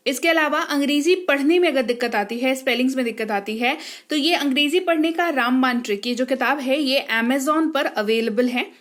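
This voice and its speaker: A woman's voice: sits high, normal speed, few pauses, a bit bright. A woman, an English teacher explaining pronunciation rules step by step and often checking that her students follow.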